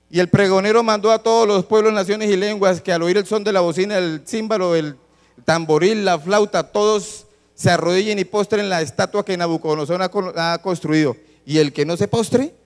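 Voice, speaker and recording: A man with a high voice preaches to his congregation, putting questions to the listeners and reading passages of scripture aloud. His voice rings out with a long reverb from the church hall, as if heard from the pews. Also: normal speed. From Colombia. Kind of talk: sermon.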